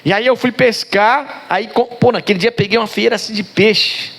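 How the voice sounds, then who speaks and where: A middle-aged pastor from Rio preaching in a fairly high voice. He tells stories from his life with deep emotion, dropping low and soft and then surging high and loud. His talk is colloquial and he keeps calling out to his listeners. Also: moderate pace, gravelly. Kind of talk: sermon with personal storytelling.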